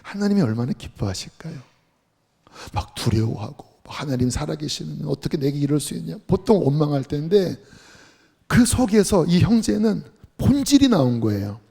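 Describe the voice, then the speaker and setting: A man preaching a sermon as pastor, lively and earnest, sometimes dropping to a whisper. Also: a little high, moderate pace, creaky, slightly rough. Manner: animated preaching, drops to soft whispers for prayers. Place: church sanctuary.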